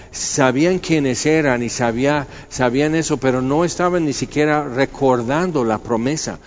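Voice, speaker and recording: A man gives a casual, storytelling sermon at an ordinary pitch, with plenty of fillers and playful asides. The recording is a little dull, with a faint hum of background noise. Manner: conversational, animated storytelling with many fillers. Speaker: preacher.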